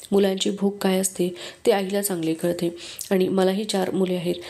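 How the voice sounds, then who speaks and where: A woman voicing a gentle, dutiful mother of four who speaks earnestly. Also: medium pitch, close to an everyday voice.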